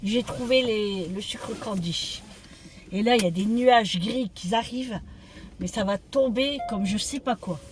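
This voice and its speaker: A woman's voice: medium pitch, unhurried. A woman vlogging with a cough, chatting casually to viewers outdoors in the wind, with a northern French accent. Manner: chatty, lots of fillers and tag questions. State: sick with a cough. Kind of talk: casual chat to camera. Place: outdoors on a windy street. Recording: noisy outdoor street with passing traffic.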